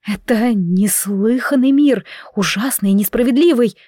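A woman's voice: fairly high pitch, normal speed, warm tone, no echo, studio quality, lightly acted. A woman voicing a wounded young woman prisoner in an audiobook, bitter and pleading, breaking into cries. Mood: bitter anguish. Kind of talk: audiobook character voice.

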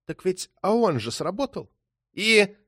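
A man's voice: sits high, sing-song, a little slow, a bit bright, no room sound, studio quality, voice pushed up, exaggerated voice. A man voicing a cheeky small-time thief who talks in an ingratiating, playful way. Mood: wheedling. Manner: ingratiating, hoarse-voiced, playful.

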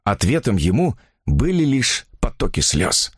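A man reading a story aloud as narrator in an expressive, dramatic way. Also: mid-range voice, measured pace, slightly rough, no room sound, clean studio sound. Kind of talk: audiobook reading.

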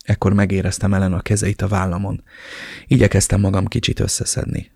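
Gravelly-voiced male audiobook narrator. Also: low-pitched, flat delivery, warm tone, no room sound, clean studio sound. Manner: dramatic, emotional reading. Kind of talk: first-person novel narration.

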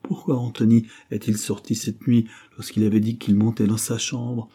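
A man's voice: lowish voice, level tone, moderate pace, warm tone, husky. A man voicing a proud, wild, distraught dying woman in an audiobook, vehement and prone to angry outbursts. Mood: agitated, anguished. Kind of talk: audiobook character reading.

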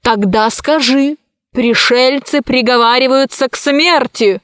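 A stern ruling queen voiced by a woman reader hands down orders in a cold, commanding tone. Her voice sits fairly high and moves at an unhurried pace. The sound is close and dry. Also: a bit bright, smooth, dry recording. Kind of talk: audiobook character voice.

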